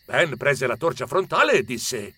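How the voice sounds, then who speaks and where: A man narrating a children's story with expressive storytelling. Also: mid-range voice, normal speed, breathy edge.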